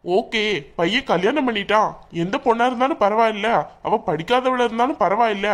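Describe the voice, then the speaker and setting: A woman's voice: fairly high pitch, brisk, natural voice. Woman voicing an angry young husband. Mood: furious. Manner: shouting, demanding. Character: angry young married man, son. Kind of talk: cartoon voice acting.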